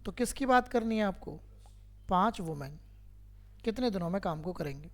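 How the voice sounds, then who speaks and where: A man's voice: high voice, expressive, normal speed. A man teaching a math lesson to a class, who keeps quizzing his students and patiently repeats each step.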